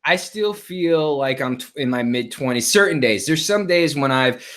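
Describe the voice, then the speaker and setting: A man's voice: on the high side, expressive, moderate pace, a bit bright. A man in his late thirties co-hosting a live online chat show over a video call, easygoing and full of "you know" and "like". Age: 30s. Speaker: co-host. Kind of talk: casual chat, reminiscing.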